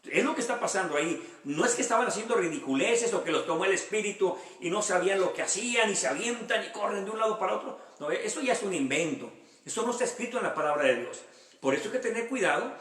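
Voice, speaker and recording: Male pastor, conversational Bible teacher, high voice, roomy distant recording. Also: a bit bright. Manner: reads verses aloud, then explains them with personal anecdotes; conversational, many rhetorical questions. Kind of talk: Bible study sermon. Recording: echoey room, voice from far off the mic.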